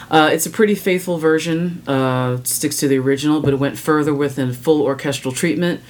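A music podcast host with a mid-range voice delivers prepared commentary. The manner is opinionated and wry, breaking into blunt, casual asides. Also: medium pitch.

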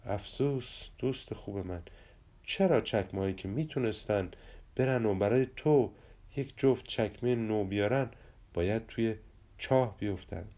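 A patient, long-suffering friend who sighs and gives way, as a man narrating a storybook puts him on. He speaks softly and low, with a dark, mellow tone. It stays close to the storyteller's own voice. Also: slight background noise, natural voice. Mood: resigned. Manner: soft, resigned, sighing. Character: patient, gentle, sighing man friend, Hesam Bek.

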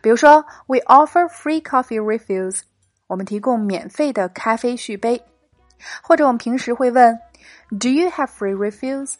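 Bright-voiced woman teaching English. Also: a little high, moderate pace, no room sound, soft background music. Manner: reads dialogues in English, explains in Mandarin. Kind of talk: scripted English lesson podcast.

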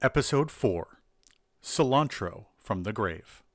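A man's voice: fairly low pitch, lively intonation, slow pace, soft background music. An actor playing an enthusiastic, playful male paranormal investigator in an audio drama. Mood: upbeat. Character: eager male paranormal investigator and house flipper.

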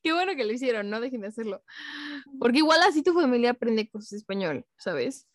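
A woman's voice: on the high side, big pitch swings, fast, no echo, studio quality. A woman from Mexico with a Mexican Spanish accent, explaining things in casual chat with plenty of filler phrases.

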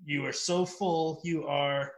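A man's voice: fairly high pitch, fairly even intonation, slow, vocal fry. A man hosting a radio show word game, teasing the players and swearing freely in casual banter. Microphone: studio microphone.

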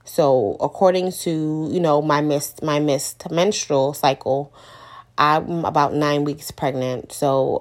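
Low-voiced woman sharing a personal story. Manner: earnest, emotional, repeats for emphasis. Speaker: mother sharing her story. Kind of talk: personal testimony to camera.

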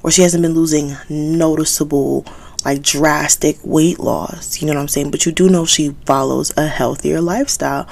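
A woman's voice: deep voice, fairly even intonation, normal speed, creaky, darkish tone. A woman in her twenties hosting a solo podcast, talking candidly and conversationally as she thinks aloud. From United States, Haitian American. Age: 20s. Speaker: podcast host.

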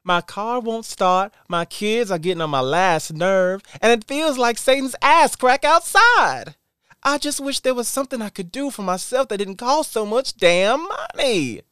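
A man's voice: high-pitched, expressive, unhurried, bright, forceful tone, clean tone, dry recording, studio quality, voice pushed up, full character voice. A man voicing a stressed-out, exasperated woman in a parody radio ad.

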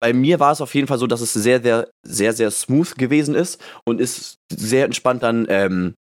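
A man's voice: mid-range voice, moderate pace. A man co-hosting a podcast, telling a story casually and animatedly, filling his speech with little tags and acting out his own thoughts. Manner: acts out his own thoughts as quoted lines. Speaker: podcast co-host.

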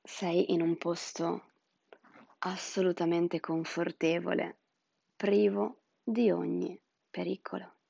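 A woman guiding a meditation in a soft, soothing, breathy voice that often drops into a whisper. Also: lowish voice, level tone, takes it slowly, no room sound, dull audio. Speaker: meditation guide. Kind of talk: guided chakra meditation.

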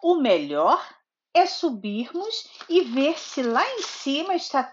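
A papa bear from a children's storybook, as a mother puts him on, drawn out in a slow, animated reading voice. The sound is a bit muffled with faint background hiss. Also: high-pitched, full character voice. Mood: cautious.

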